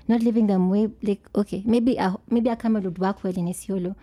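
Fast-talking, very mellow Kenyan woman. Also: medium pitch, fairly even intonation. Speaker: podcast panellist. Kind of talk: casual discussion.

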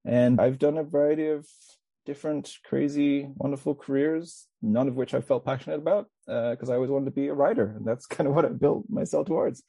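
A man's voice: medium pitch, fairly quick, vocal fry, mellow, husky, no echo. English-born guy in his 40s, mostly canadian accent, chatty, dry close mic. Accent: Canadian, with faint Mancunian traces. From England. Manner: chatty, rambling, with frequent restarts and laughs. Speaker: guest author. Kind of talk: casual podcast interview.

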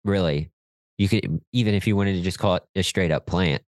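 A middle-aged man chats casually as a podcast co-host. He sounds encouraging and chuckles easily. His voice is very deep, and the recording is dry and close. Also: fairly quick, dry recording. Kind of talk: casual chat.

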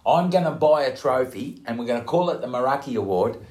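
A man's voice: medium pitch, animated, quick pace, darkish tone. A man with an Australian accent hosting a podcast with casual, teasing, blokey banter. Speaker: podcast host. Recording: echoey room.

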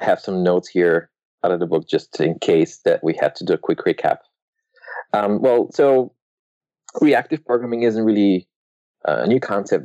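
A man guest on a podcast, talking casually and hesitantly with many pauses. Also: deep voice, darkish tone, no room sound, dull audio. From Europe. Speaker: guest author.

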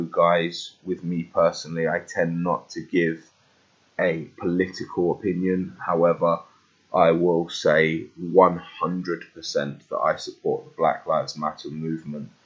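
A British man with a very deep voice hosts a podcast in a casual way. He speaks haltingly, doubling back on phrases. The recording is slightly dull and lo-fi. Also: little pitch movement. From United Kingdom. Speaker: podcast host.

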